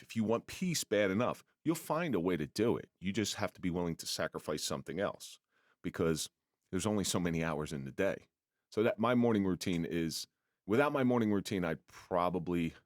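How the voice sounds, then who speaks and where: Deep-voiced male podcast host. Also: dry recording, studio quality. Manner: talkative, repeats words when starting a thought. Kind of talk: casual interview chat.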